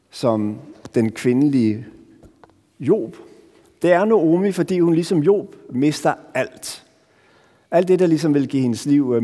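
A Danish man preaching a sermon as pastor, earnest and searching, often restarting phrases and pausing for emphasis. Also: mid-range voice, dark tone. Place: church. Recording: long church reverb.

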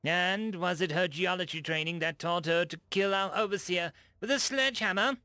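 Brief: menacing alien ambassador, smug and accusing, put on by a male reader; lifted pitch, dry close sound. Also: normal speed, bright, forceful tone, smooth, no echo.

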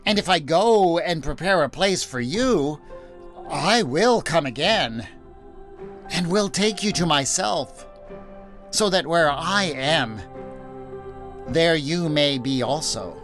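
A man's voice: on the high side, lively intonation, soft background music. Man voicing a nervous stammering young lover. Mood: earnest. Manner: stammering, halting.

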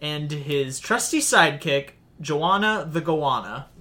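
Bright-voiced man, playful movie chat. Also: on the high side, animated, slow. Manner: playful, breaks into silly character voices. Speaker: podcast co-host. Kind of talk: casual chat recapping a film.

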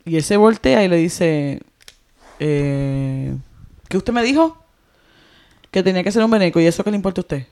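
A woman's voice: fairly low pitch, expressive, a little fast, warm tone, clean tone. A woman co-hosting a podcast, chatting casually and retelling stories with animation. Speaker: podcast co-host. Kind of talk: casual chat.

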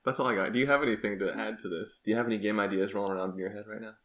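Low-voiced man in casual podcast chat. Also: fairly even intonation, rapid-fire, fairly bright tone. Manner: laughs often, explains with "like". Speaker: podcast co-host.

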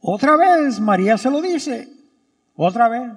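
A man's voice: very high voice, big pitch swings, a little slow. A man, a priest, giving a Sunday homily in an emphatic way, with rhetorical questions and acted-out quotes. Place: church. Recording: reverberant church hall.

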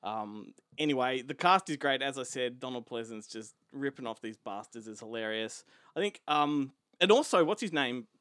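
Man, Australian accent, podcast co-host, casual storytelling, laughs often, middle pitch, dry close sound. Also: animated, normal speed, a bit bright, clean tone, no echo. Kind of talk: casual chat.

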